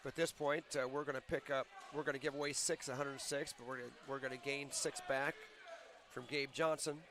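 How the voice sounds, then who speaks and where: A man's voice: medium pitch, little pitch movement, a little fast. Male wrestling commentator, chatty explainer, some light background noise. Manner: chatty, explains rules and team math. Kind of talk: local sports commentary. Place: school gym.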